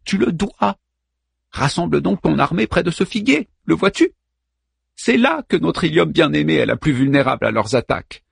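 A man voicing a desperate young princess who pleads with her warrior husband in a high, strained voice. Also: lively intonation, normal speed, vocal fry, husky, no echo, studio quality, exaggerated voice. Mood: urgent. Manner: pleading then fierce and bitter.

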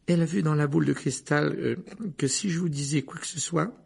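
A man reading an audiobook, voicing a nervous teenage boy who squeaks out his words with hesitation. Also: steady tone, brisk, vocal fry, a little mellow, breathy edge, exaggerated voice.

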